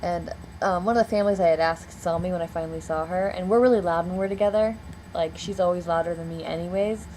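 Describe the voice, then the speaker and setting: A woman's voice: on the low side, fast, dark tone, a little hiss or hum, low-quality recording. A young woman in a casual storytelling vlog, rambling and filling her speech with "like" and "um.". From United States. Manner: rambling, heavy on "like" and "um" fillers. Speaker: vlogger.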